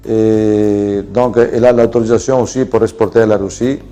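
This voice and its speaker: A man with an Italian accent talks about his businesses in a low, warm voice. He pauses on fillers and restarts his sentences often. Faint music plays behind him. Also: flat delivery. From Venice region, Italy. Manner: halting, many fillers and restarts. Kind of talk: presenting his company to camera.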